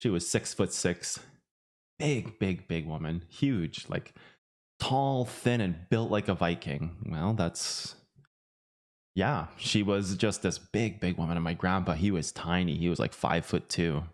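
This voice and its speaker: A low-pitched man speaks at a measured pace during a casual livestream chat. He hosts a finance YouTube channel and talks loosely and ramblingly, restarting often and using many fillers.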